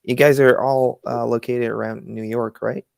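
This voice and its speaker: Gravelly-voiced man chatting on a call. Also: medium pitch, level tone, moderate pace, no room sound, clean studio sound. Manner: easygoing, stumbling restarts. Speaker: guest. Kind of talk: casual video-call chat. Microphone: video call.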